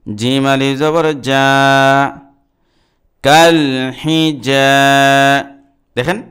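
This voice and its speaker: A man teaching Quran reading, spelling out letters and vowels one by one and then chanting the words slowly. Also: mid-range voice, fairly bright tone, clear, resonant tone. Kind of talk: step-by-step recitation lesson.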